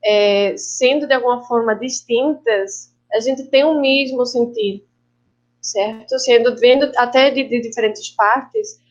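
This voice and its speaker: A native Spanish speaker from Colombia, she joins an online panel talk as a guest filmmaker and actress. Her slightly high voice comes through dull video-call audio, and her delivery is reflective and halting as Spanish words drift into her Portuguese.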